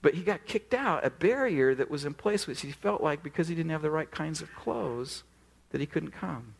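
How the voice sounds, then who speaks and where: A man's voice: a little high, normal speed, gravelly, breathy edge. Male pastor preaching, middle-aged guy, voice jumps all over, acts out the people in his stories. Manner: animated storytelling, acts out quoted dialogue. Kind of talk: sermon.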